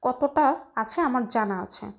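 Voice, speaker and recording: A woman's voice: on the high side, a little fast, a little mellow, natural voice. A woman voicing a stern middle-aged father who scolds sharply in a narrated story. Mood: scolding. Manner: scolding, clipped.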